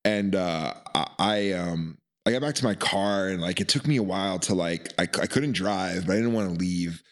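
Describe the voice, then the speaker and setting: A man's voice: low-pitched, moderate pace. A man telling a rambling story in casual chat, acting out quotes and laughing often.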